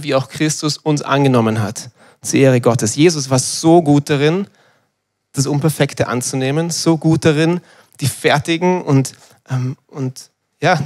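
A man, preaching a sermon in a lively, conversational way and acting out little dialogues. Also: a little high.

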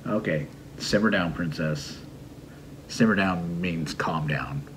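A middle-aged man, an English teacher and video host, explains English idioms in a relaxed, teasing way from his computer desk in a small home room. His low-pitched voice comes at a slow pace, with a little hiss or hum in the recording.

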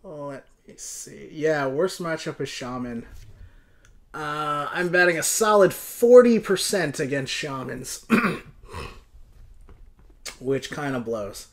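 Animated man streaming a card game. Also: a little high, slow pace, pauses often. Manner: animated, slangy, exclaiming and muttering. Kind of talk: live game commentary, casual chat to viewers. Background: game music.

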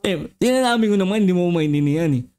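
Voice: medium pitch, animated, quick pace, mellow, clear, resonant tone, voice pushed down, lightly acted. A YouTuber voicing a grumpy giant talking bee whose speech comes out garbled and mumbled in a Minecraft role-play. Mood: grumbling.

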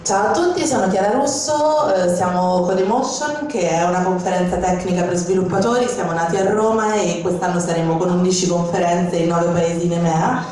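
A woman's voice: lowish voice, a little fast, few pauses, a little mellow, slight background noise. A woman conference organizer introducing herself confidently into a handheld mic. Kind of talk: self-introduction. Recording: very echoey hall, mic far off.

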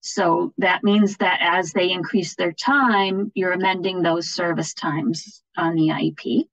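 Speaking a little slowly in a lowish, gravelly, steady voice, a woman leads a casual training webinar for education officials on a video call. She explains her slides in plain terms and frequently checks that listeners are following. The audio has no echo but sounds rough.

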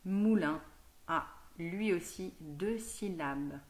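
A woman teacher giving a slow, patient phonics lesson to a young child, sounding out each word and syllable clearly. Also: fairly low pitch, animated.

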